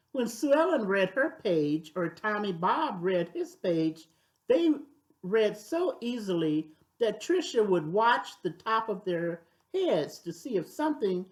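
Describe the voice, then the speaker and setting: An older woman reads a children's story aloud at an unhurried, slow pace. Her pitch moves up and down in a lively way as she tells the tale deliberately. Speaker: storybook reader.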